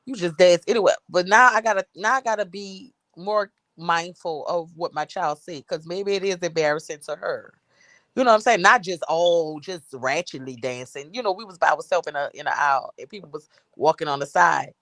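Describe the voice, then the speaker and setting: A woman's voice: lowish voice, fairly quick, a bit bright, no echo. A woman in her forties, chatting casually on a live stream, rambling and repeating herself with frequent laughs. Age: 40s. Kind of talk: casual chat.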